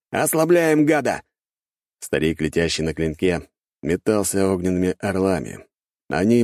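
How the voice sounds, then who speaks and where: A man narrating an action-fantasy audiobook in a dramatic, expressive storytelling manner. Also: low voice, dry recording, studio quality. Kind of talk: scripted narration.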